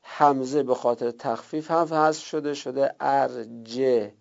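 A man teaching a class step by step, drawing out key terms slowly and checking his students' notes, heard on a dull lo-fi recording. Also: mid-range voice, steady tone, vocal fry. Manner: slow drawn-out repetition of terms. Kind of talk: classroom lesson on Arabic word roots.

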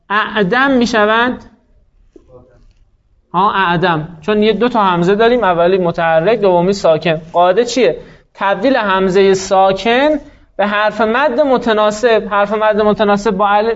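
Male teacher, fairly high voice, patient step-by-step grammar lecture, slightly muffled recording. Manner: explains step by step, asks and answers his own questions.

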